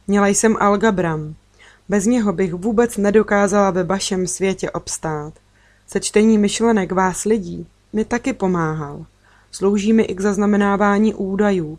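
Gentle serious alien girl from another planet, read by a woman, plain storybook voice. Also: mid-range voice, close to an everyday voice. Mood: calm. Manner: serious, gentle, matter-of-fact.

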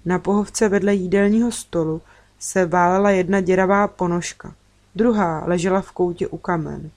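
A woman narrating a first-person children's story in a steady, measured way. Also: on the low side.

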